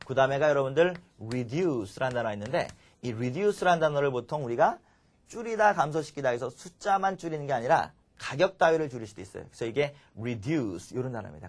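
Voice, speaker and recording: Animated male English lecturer. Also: medium pitch. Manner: animated, drills students with call-and-response. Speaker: English teacher.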